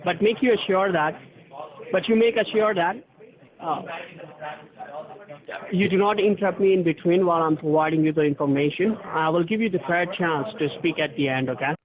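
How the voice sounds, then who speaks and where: A man with a high-sitting voice speaks at normal speed on a tinny phone line with crowd chatter behind him. Posing as a tax officer, this scam caller runs through a formal, official-sounding script with step-by-step instructions.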